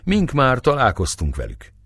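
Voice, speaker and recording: A man voicing a calm, commanding male captain who gives firm orders in an audiobook. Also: medium pitch, breathy edge, no room sound, studio quality, voice pushed up, heavily acted.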